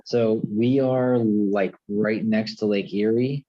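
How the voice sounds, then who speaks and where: Casual male guest on a glitchy phone call, voice warped robotic and deep, dull muffled sound. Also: fairly even intonation, slow, dry recording. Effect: distorted robotic, lowered voice from a bad call connection. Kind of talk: casual chat. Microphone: phone on a video call. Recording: muffled, lo-fi video call line.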